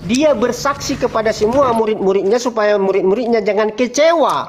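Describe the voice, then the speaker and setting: A man's voice: high voice, brisk, slight background noise. A man in a heated interfaith debate, insistently defending his view and quoting verses.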